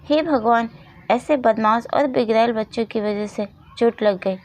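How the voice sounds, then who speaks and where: Woman putting on a mean stepmom voice, snappy and taunting, kinda high, storybook reading. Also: unhurried, darkish tone, natural voice. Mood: scolding. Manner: taunting, shrill scolding. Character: harsh scolding stepmother, adult woman. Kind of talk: storybook narration with voiced roles.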